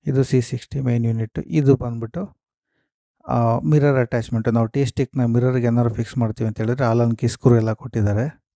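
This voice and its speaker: A man hosts a casual gear unboxing and review video, walking through the product step by step and mixing in English terms. His medium-pitched voice is mellow, with vocal fry, and there's no echo.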